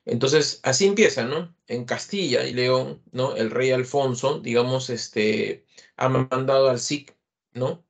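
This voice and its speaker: A man's voice: medium pitch, unhurried, creaky. Male literature teacher, filler-heavy lecture. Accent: Peruvian Spanish. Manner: explanatory, many fillers and tag questions. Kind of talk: online class lecture.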